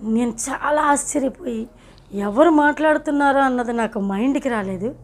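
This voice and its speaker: High-voiced woman telling her testimony. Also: normal speed. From India. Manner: earnest, emotional retelling. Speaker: testimony speaker. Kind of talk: personal testimony storytelling.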